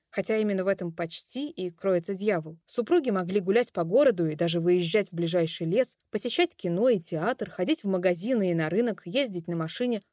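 A woman giving a measured, scripted documentary voice-over. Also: medium pitch, darkish tone, no room sound, clean studio sound. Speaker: documentary narrator. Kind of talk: scripted narration.

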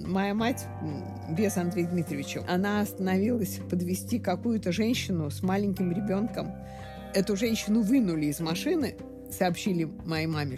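Woman in an interview, remembering her family, lots of "uh"s and pauses, clear music going behind. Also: on the low side. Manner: hesitant, with many pauses and fillers. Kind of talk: interview recollection.

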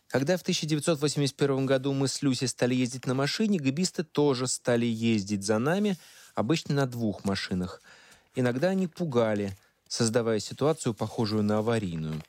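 A man calmly reading memoir passages aloud in the first person. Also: medium pitch, fairly quick. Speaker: reader of a memoir.

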